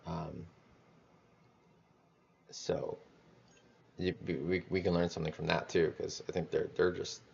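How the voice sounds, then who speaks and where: A man rambling in a casual monologue about music theory, halting and restarting as he thinks aloud. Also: low-pitched, flat delivery, vocal fry, darkish tone, lo-fi sound, a little hiss or hum. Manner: musing, halting, many restarts and swearing.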